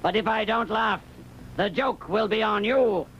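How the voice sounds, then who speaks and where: A man voicing a cruel, menacing Caliph who gloats slowly over his captive. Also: sits high, gravelly, fairly bright tone, dull audio, a little hiss or hum, heavily acted. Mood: gloating. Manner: slow, gloating, sinister. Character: cruel, menacing male Caliph ruler who laughs at threats.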